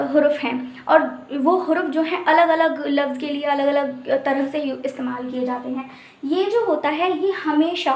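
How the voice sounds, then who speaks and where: A woman teaching a casual language lesson, slowly drilling letter sounds one by one in a patient, explanatory way. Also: high voice. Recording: echoey room with faint noise.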